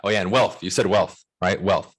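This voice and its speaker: This interview guest is a mid-thirties real estate broker from Los Angeles with an American accent, speaking at normal speed in a low, slightly rough voice with a steady tone. His manner is casual, emphatic and slangy, punctuated by "right?" and "bro" check-ins.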